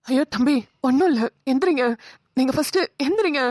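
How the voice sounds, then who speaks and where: A woman's voice: high-pitched, brisk, darkish tone, no echo, clean studio sound, natural voice. Woman voicing a flustered kind older woman. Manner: urging, flustered.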